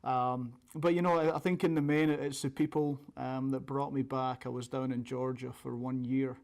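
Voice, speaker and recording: Male coach, thick Scottish accent, medium pitch, level intonation, informal interview delivery. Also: little pitch movement, normal speed, creaky, darkish tone. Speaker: college soccer coach.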